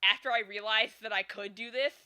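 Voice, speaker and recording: A woman live-streaming in a loose, chatty way, her voice bright and clear at an everyday pitch. She rambles through her thoughts with plenty of fillers and breaks into giggles often. Now and then her s sounds slip into a slight lisp. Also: fairly even intonation, brisk. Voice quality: slips into a slight lisp at times. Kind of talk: casual live-stream chat.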